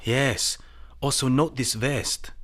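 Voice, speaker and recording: A man's voice: mid-range voice, steady tone, slow pace, a bit bright, a little hiss or hum. Man acting a clipped detective, Charlie Chan. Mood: calm, shrewd. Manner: clipped broken English, dropped articles, aphoristic. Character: shrewd Chinese detective, soft-spoken, dispensing proverbs. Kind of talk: audio drama acting of a 1930s mystery.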